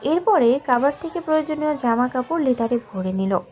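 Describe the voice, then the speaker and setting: A woman narrating an audio love story from a script, in a soft, measured and emotional way. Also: high voice, expressive.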